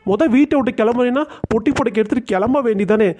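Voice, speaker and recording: திருநெல்வேலி வட்டார வழக்கில், அம்மா பக்கம் நின்று மனைவியை மிரட்டும் கோபக்காரக் கணவனாக ஒரு ஆண் குரல் கொடுக்கும் cartoon. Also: male voice, high voice, fairly even intonation, a little fast, a little mellow, slight background noise, close to an everyday voice. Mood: angry. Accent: Tirunelveli Tamil. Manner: threatening, harsh. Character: hot-tempered husband siding with his mother.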